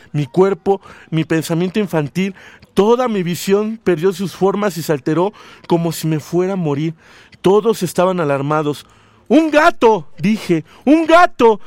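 Male radio host, higher pitch, dry studio mic, animated story reader. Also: dry recording. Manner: expressive reading, voices quoted lines loudly. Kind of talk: dramatic story reading, then casual radio chat.

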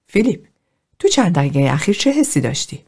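A patient male group therapist, as a woman narrator reads him, with a soft, coaxing tone that still rises and falls in a lively way. He talks warmly and persistently in an audiobook scene. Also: low voice, breathy edge, heavily acted.

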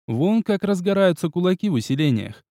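A man reading first-person fantasy narration in a brisk, wry manner. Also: high-pitched, big pitch swings, mellow, dry recording, clean studio sound. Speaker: audiobook narrator.

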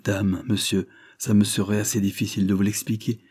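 A man's voice: on the low side, level tone, fairly quick, a little mellow, slightly rough. A man reading aloud voices a flustered, deferential butler in a Victorian audiobook, talking in an apologetic, eager manner.

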